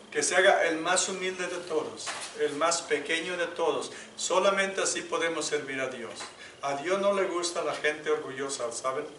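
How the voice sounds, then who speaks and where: A man preaching a sermon as pastor, moving between loud appeals and hushed prayer. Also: on the high side, a little hiss or hum. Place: church sanctuary. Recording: echoey church room, mic at a distance.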